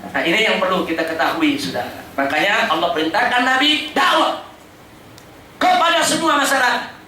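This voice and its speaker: A man preaching a sermon, telling stories in a lively way and often addressing the crowd directly. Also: high voice, moderate pace, slight background noise. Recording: echoey hall, distant mic.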